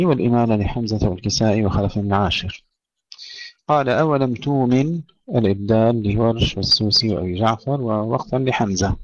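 Man with a low voice teaching quran recitation, slow chanting then fast explaining, dry muffled recording. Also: no echo. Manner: recites verses slowly and melodically, then explains rules briskly. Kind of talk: tajweed lesson alternating slow recitation and quick explanation.

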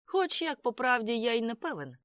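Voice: mid-range voice, sing-song, fairly quick, a bit bright, dry recording, clean studio sound, pitched above the performer's own voice. A narrator voicing a wry worldly male friend. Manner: languid, ironic quips.

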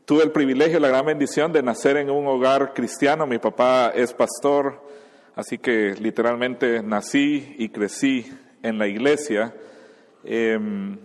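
A guest pastor in his forties from Honduras and Guatemala shares a personal testimony before a sermon. He speaks conversationally with fillers and restarts, in a steady, mid-range voice at a measured pace. The setting is a large hall.

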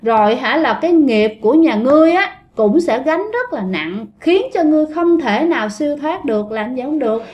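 A woman voicing a patient Buddhist nun who gently coaxes a spirit. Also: high-pitched, expressive, brisk, hardly any pauses, lo-fi sound. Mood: coaxing. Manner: coaxing, gently insistent.

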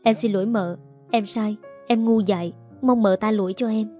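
A woman's voice: mid-range voice, steady tone, normal speed, mellow, soft background music, lightly acted. A woman reading the lines of a young housemaid who complains rudely and then stammers apologies. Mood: pleading. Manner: sulky, then stammering and pleading. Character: rude young female housemaid.

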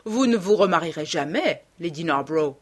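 A woman voicing a witty, cynical aristocratic gentleman in an audiobook, delivering his epigrams dryly. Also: on the low side, expressive, brisk, husky. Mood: ironic. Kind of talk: audiobook character reading.

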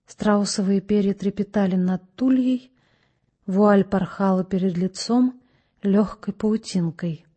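A woman narrating a literary audiobook in a measured, expressive way. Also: mid-range voice, breathy edge.

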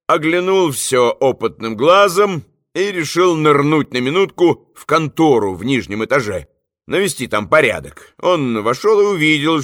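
A man narrating an audiobook in a measured, low-key reading. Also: fairly bright tone, no room sound, clean studio sound. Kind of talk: audiobook narration with character voices.

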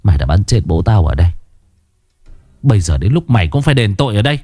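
A man's voice: lowish voice, very animated, quick pace, mellow, no echo, faint music behind. A man voicing a grim young woman who accuses her father's killer in a stern tone. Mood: vengeful.

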